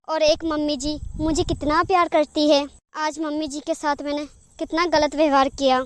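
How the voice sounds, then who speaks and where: A woman voicing a demanding young wife in a cartoon, who nags and talks back. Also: sits high. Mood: regretful. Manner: nagging, petulant. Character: demanding young wife, sharp-tongued then remorseful. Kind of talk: cartoon voice acting.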